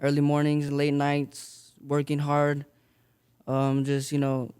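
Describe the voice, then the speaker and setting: A man's voice: fairly high pitch, completely flat delivery, slow pace, darkish tone, smooth. A young man from Las Vegas, giving modest, filler-laden answers as a boxer in an interview. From Las Vegas, Nevada. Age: young adult. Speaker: boxer guest.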